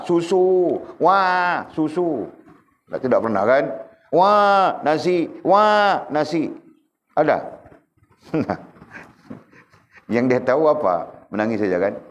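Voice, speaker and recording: A middle-aged man gives a religious lesson, teasing his listeners and asking them again and again whether they understand. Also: fairly low pitch. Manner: lively, teasing, keeps quizzing listeners. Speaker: religious teacher. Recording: dull lo-fi room recording with faint background hiss.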